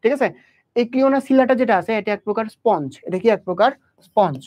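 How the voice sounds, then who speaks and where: Giving an exam-prep biology lecture, a young tutor speaks straight to his student, repeatedly asking questions and then supplying the answers. His high, darkish voice is animated and quick-paced, captured in dull lo-fi audio.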